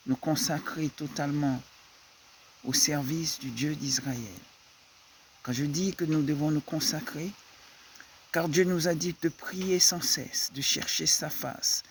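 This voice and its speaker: Male preacher, sermon, unhurried halting delivery, slightly high voice, faint room ambience. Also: a little hiss or hum. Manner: slow, halting delivery with repeated words.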